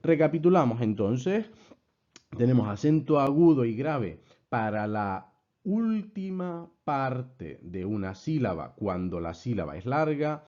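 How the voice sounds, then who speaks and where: A man teaching a class, explaining things in a measured way and addressing his students formally. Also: mid-range voice, big pitch swings, dark tone, muffled recording. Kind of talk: lecture with slides.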